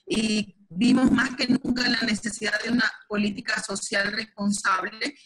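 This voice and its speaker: A woman's voice: mid-range voice, little pitch movement, normal speed, fairly bright tone, slightly rough, low-quality recording. A woman from Ecuador, an earnest audience member asking a question on a video call.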